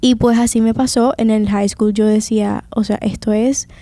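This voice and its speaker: A young woman with a Venezuelan Spanish accent speaks reflectively about her faith, leaning hard on key words. Her voice is a bit high and warm rather than bright. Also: steady tone, normal speed, dry recording. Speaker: guest giving testimony. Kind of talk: personal faith testimony.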